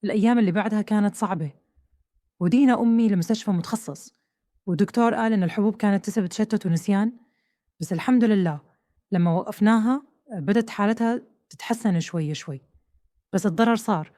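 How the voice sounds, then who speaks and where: A woman's voice: medium pitch, fast talker, long pauses, dark tone, dry recording, studio quality. A woman with a Hejazi Saudi accent narrating a dramatic first-person story, tense and full of questions. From Saudi Arabia.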